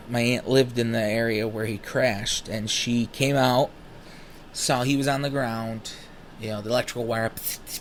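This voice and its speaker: A man in his thirties, smoking while he talks, telling rambling personal stories in a casual, animated way and swearing freely. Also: mid-range voice, slight background noise. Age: 30s. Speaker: vlogger.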